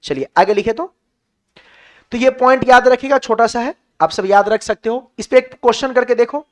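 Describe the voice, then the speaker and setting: High-voiced Bihari physics teacher. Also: male voice, normal speed. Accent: Bihari Hindi. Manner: questions the class and answers himself, drills points. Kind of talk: classroom lecture.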